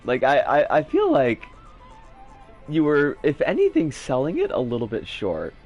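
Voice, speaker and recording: A man's voice: a little high, wildly swooping pitch, moderate pace, a little mellow, slightly rough, lo-fi sound, faint music behind. A man chatting casually as a game streamer, with a sardonic, rambling, sweary manner. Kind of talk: casual livestream chat and commentary.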